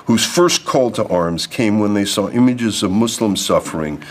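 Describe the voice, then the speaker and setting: A man with a lowish voice speaks at a normal pace, delivering a prepared lecture to an audience. He reads formal text aloud and drops in off-script asides along the way.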